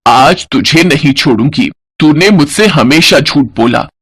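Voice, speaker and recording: A man's voice: fairly high pitch, expressive, a little slow, a bit bright, husky, dry recording, pitched below the performer's own voice, full character voice. A man voicing a stern middle-aged mother-in-law in a storybook cartoon. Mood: scolding. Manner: scolding, firm.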